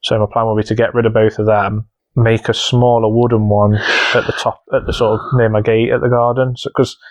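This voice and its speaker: A man's voice: on the low side, level tone, brisk. A man co-hosting a podcast in casual chat, rambling with lots of fillers and restarts. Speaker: podcast co-host.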